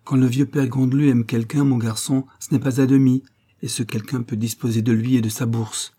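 A man voicing a grieving, big-hearted old male entrepreneur who speaks vehemently and exclaims in a husky voice. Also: mid-range voice, level tone, brisk, mellow, pitched above the performer's own voice, close to an everyday voice. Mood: emphatic. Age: older.

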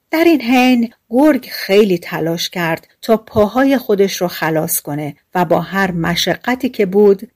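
In a gentle, measured storytelling style, a female audiobook narrator reads a fairy tale aloud. Her voice sits at a medium pitch.

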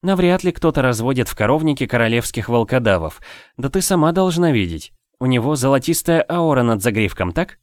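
A man voicing a lively, curious young woman who chatters and asks eager questions in an audiobook. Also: medium pitch, brisk, no room sound, studio quality, pitched above the performer's own voice, close to an everyday voice. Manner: eager, prying, excitable.

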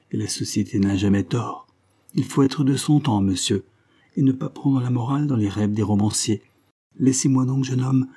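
A man reading the part of a stern, authoritative old soldier in a measured, solemn manner. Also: medium pitch, warm tone, husky, natural voice.

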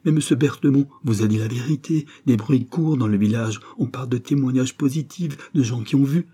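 A grave, earnest village priest gives his warning solemnly and presses his point, as a man reads him in an audiobook. The voice is low, dark and husky. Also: fairly even intonation, moderate pace. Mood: insistent.

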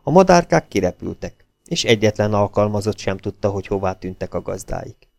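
A man reads a crime novel aloud with a steady storyteller's delivery. His voice has a gravelly edge and sits close and dry against the microphone, with no room sound around it. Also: fairly low pitch, no echo. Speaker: audiobook narrator. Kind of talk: audiobook narration.

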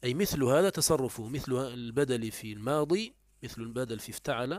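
A man teaching a classical grammar lesson, explaining step by step, asking and answering his own questions and slowly repeating words to drill them. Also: mid-range voice, a little mellow, no room sound, clean studio sound. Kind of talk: classical Arabic morphology lesson.

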